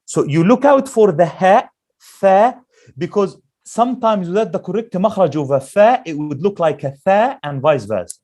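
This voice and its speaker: A male Quran teacher leading a classroom lesson, slowly drilling letter sounds and asking the class questions. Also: high voice, expressive, darkish tone.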